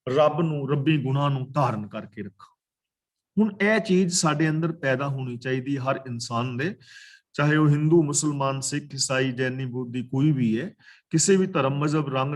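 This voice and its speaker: A man giving a religious lecture over a video call, explaining scripture slowly and chanting the verses he quotes. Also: a little high. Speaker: katha preacher.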